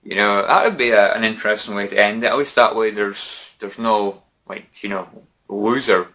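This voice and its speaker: Guy chatting his predictions, lowish voice but bright and forceful, lots of "you know"s. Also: moderate pace. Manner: rambling, many fillers and restarts. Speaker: wrestling fan vlogger. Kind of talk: casual prediction chat.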